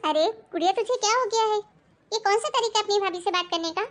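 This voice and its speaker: A woman voicing a stern but caring middle-aged mother in an animated family story, who lectures and scolds. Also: extremely high pitch, fast talker. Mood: scolding. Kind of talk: animated cartoon voice acting.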